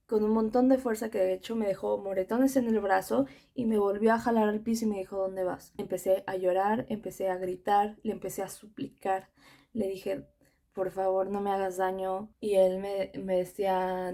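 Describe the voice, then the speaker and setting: A woman's voice: medium pitch, dark tone. A young woman with a Mexican Spanish accent, earnestly telling her own story to camera in a conversational way. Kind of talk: personal testimony.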